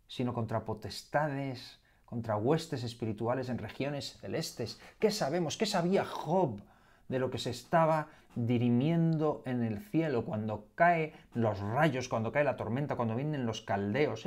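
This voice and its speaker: A man's voice: mid-range voice, animated, moderate pace, darkish tone. A man preaching a sermon as pastor, emphatic and full of rhetorical questions aimed at the congregation.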